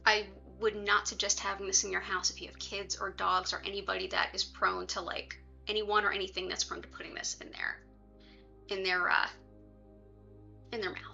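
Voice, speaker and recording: A woman with a bright, forward voice chats casually to livestream viewers, dropping in little asides as she goes. The sound is slightly muffled and lo-fi, with music playing behind her. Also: mid-range voice, flat delivery, normal speed, creaky. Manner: conversational, chatty asides to viewers. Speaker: livestream host and reiki practitioner.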